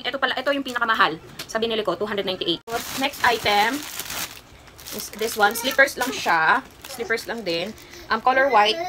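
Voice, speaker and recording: Chatty young woman, noisy home recording. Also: on the high side. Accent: Kapampangan. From Philippines. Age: 20s. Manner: chatty, rambling, with frequent fillers. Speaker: vlogger. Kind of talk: casual haul vlog and personal story.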